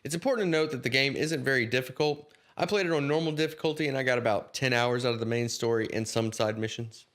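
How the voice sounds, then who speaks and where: A man's voice: medium pitch, fast, few pauses, a bit bright. A man reading a scripted game review, casually addressing viewers directly.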